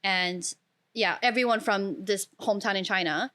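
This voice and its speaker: A woman's voice: medium pitch, moderate pace, sharp tone. A young woman from Portugal chatting casually and telling personal anecdotes as a podcast guest.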